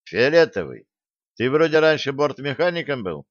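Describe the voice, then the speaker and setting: A man voicing a gruff, sardonic male starship captain who gives bossy orders, in a dull lo-fi audiobook recording. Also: mid-range voice, big pitch swings, moderate pace, no echo, voice pushed up, lightly acted. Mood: stern mocking. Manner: bossy, grumbling.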